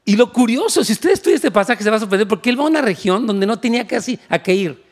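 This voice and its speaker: A male pastor preaching an animated sermon, switching into English and asking for amens. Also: high voice, quick pace. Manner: animated, switches into English, asks the crowd for amen.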